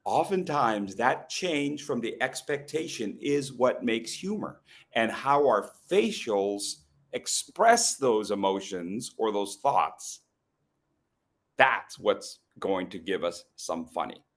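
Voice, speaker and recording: A middle-aged man giving a humorous talk on storytelling to a live group, teasing people in the room and slowing down with pauses for emphasis. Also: lowish voice, lively intonation. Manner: playful, teasing the audience, quick asides. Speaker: educational speaker at a club meeting.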